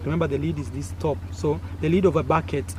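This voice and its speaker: A young Kenyan content creator whose first language is Swahili tells a casual story to camera outdoors, with faint village sounds in the background. He talks fast in a slightly high voice, animated and chatty, acting out sounds and gestures and using plenty of fillers.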